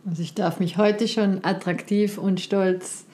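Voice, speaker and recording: A woman's voice: medium pitch, steady tone, unhurried, a little mellow. A woman co-hosting a podcast, chiming in supportively and finishing her partner's thoughts. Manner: supportive, frequent affirming interjections. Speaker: podcast co-host. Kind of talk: casual podcast talk.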